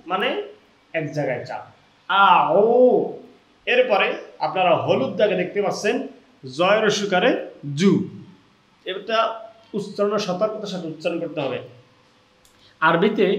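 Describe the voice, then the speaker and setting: A man's voice: high voice, fairly bright tone. A man teaching pronunciation for recitation step by step, drawing out and chanting sounds to demonstrate. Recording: echoey room.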